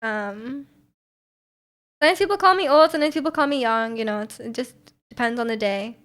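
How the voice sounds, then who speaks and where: A woman's voice: a little high, brisk, a bit bright. A woman in her twenties streaming, chatting casually and reading viewer messages, giggly and talkative. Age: 20s. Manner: giggly, chatty, often laughing.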